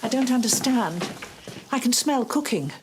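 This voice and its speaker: A woman's voice: a little high, lively intonation, background noise, natural voice. A woman playing an earnest, principled lady. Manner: earnest, brisk. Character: earnest, principled middle-aged lady of the house.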